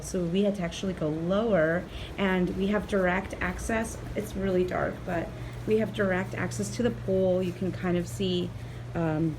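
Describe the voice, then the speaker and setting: Filming on a handheld phone, an excited young woman chatters through a tour of a hotel room and ground-floor patio for her travel vlog, using lots of fillers. Her voice is on the low side, slightly hoarse and raspy from losing it. The background is noisy, with a roomy echo and faint ambience.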